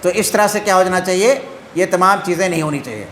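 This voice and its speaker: A man with a high-pitched voice gives a religious lesson. He keeps asking questions and then answers them himself. The room echoes, with a faint background hiss. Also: a bit bright. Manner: constantly asks questions and answers them himself, tagging "hain?". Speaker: Islamic teacher. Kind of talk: religious lesson quizzing listeners.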